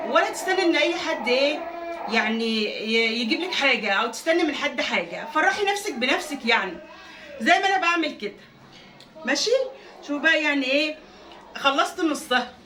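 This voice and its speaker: Egyptian lady vlogging in her kitchen, high voice, roomy sound, faint noise behind. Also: lively intonation, a little fast, sharp tone. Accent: Egyptian Arabic. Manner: chatty, talks straight to her viewers. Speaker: cooking vlogger. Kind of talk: casual chat to viewers. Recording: roomy, distant from the mic, faint background noise.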